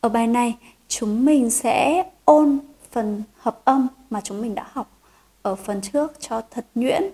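A woman teaching a children's piano lesson, gentle and encouraging, counting beats and singing note names. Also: on the high side, husky.

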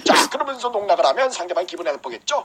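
A quick-talking man runs a comic game demonstration, taunting and swearing. His pitch jumps about, and faint noise sits behind him. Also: lively intonation, fairly bright tone. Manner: taunting, foul-mouthed.

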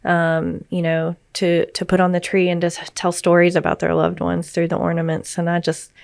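A woman speaking as a grief counselor and podcast co-host, giving gentle, reassuring explanations in conversation. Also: on the low side, completely flat delivery, normal speed, creaky, dry recording.

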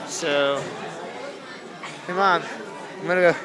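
A man's voice: fairly high pitch, fairly even intonation, slow. Chatty young man filming in a noisy crowd. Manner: chatty, rambling, easily amused. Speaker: vlogger. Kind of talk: casual walking commentary. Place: outdoor zoo light display at night. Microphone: handheld camera. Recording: noisy crowded outdoor camera audio. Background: crowd chatter and outdoor noise.

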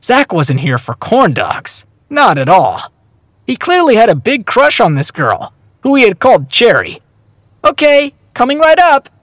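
A man narrating a story in an animated, storytelling way. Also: high-pitched, a little slow, dry recording. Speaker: audiobook narrator. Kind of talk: scripted narration. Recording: dry close recording, faint music.

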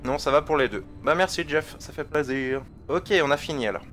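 A man's voice: on the high side, brisk, fairly bright tone, faint music behind. A man giving casual let's-play commentary, chatting with viewers and trailing off mid-sentence. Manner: chatty, talks to viewers and chat, laughs, trails off. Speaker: gamer.

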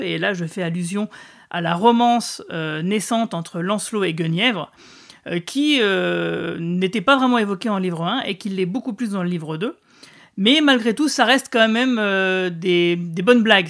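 A podcast host talking casually about a TV series, relaxed and chatty. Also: mid-range voice.

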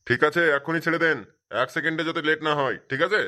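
Bossy village chief dad on the phone, curt, a bit high for a man. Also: fairly even intonation, fast, pushed and bright. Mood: commanding. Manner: curt and commanding. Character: self-important village chief father on phone.

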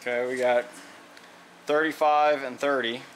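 A mechanic walks through an engine rebuild in his workshop garage, narrating casually as he works. He's plainspoken and thinks out loud, with fillers and restarts. His medium-pitched voice is flat and a little slow, over slight background noise.

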